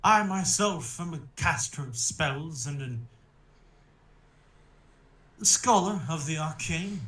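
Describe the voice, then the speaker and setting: Man as a slow, scholarly wizard dog. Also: fairly high pitch, expressive, bright, forceful tone, heavily acted. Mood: polite, formal. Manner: formal, measured. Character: polite, scholarly dog spellcaster, formal. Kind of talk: tabletop role-play. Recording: roomy echo.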